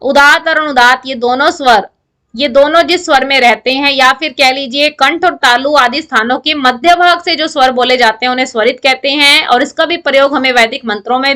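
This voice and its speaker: Bright high-voiced woman teaching grammar. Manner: explains step by step, asks and answers her own questions. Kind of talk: online lecture to students.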